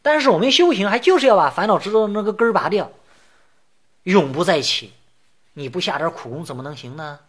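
In a sutra lecture, a Buddhist teacher explains terms one point at a time and chants the verse lines slowly. His voice is high with lively intonation.

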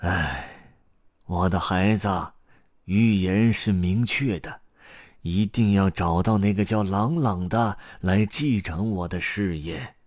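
Man playing a tired old grandpa storyteller, slow and sighing, storybook reading, dry close sound. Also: low voice, no echo, voice pushed up. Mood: gentle. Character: weary, tearful old male storyteller grandpa.

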